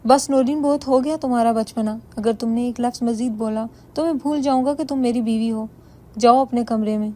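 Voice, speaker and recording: A woman's voice: fairly high pitch, fairly even intonation, dark tone, close to an everyday voice. A woman voicing a wealthy husband who speaks coldly and commandingly. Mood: stern. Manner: cold, commanding. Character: wealthy husband, stern, controlling man.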